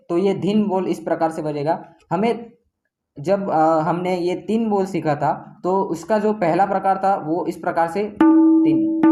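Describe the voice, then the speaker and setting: A man teaching tabla step by step, patiently repeating each stroke name as he demonstrates it. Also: high-pitched. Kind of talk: step-by-step music lesson. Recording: tabla strokes played between speech.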